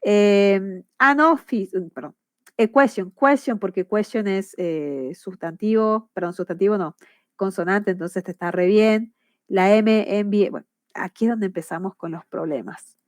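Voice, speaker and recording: A woman's voice: medium pitch, a little slow, no room sound, studio quality. A woman teacher, patiently explaining English grammar in class and often checking that students follow.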